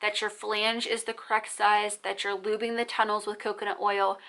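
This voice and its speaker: Bright-voiced chatty young mom vlogger. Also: female voice, mid-range voice, flat delivery, gravelly. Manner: fast, chatty and encouraging. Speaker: parenting vlogger. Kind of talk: casual Q&A vlog.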